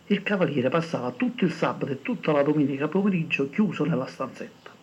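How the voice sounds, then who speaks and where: A man's voice: a little high, animated, fast talker, darkish tone, husky. An older man telling a wry, reminiscing story. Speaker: narrator. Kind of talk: storytelling narration. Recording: dull lo-fi recording with faint music.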